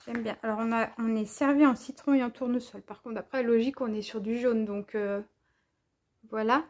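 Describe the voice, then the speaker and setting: Bubbly high-voiced French woman crafter. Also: fairly even intonation, moderate pace. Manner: chatty, enthusiastic, gushes over each item. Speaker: crafting vlogger. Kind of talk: casual show-and-tell haul video.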